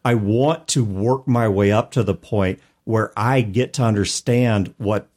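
An American man with a fairly low, slightly mellow voice co-hosts a podcast discussing role-playing games. He speaks unhurriedly and conversationally, laying out his points in long, carefully qualified sentences.

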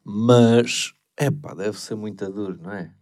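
A man's voice: lowish voice, fairly even intonation, measured pace, a little mellow. A man chatting casually as a podcast host, informal and slangy, often hesitant. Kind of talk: casual chat.

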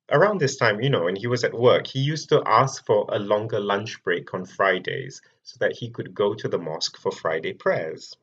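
A man from Malaysia, a researcher giving a prepared public talk, telling his story in a measured way with clear emphasis. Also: on the low side, a bit bright, muffled recording.

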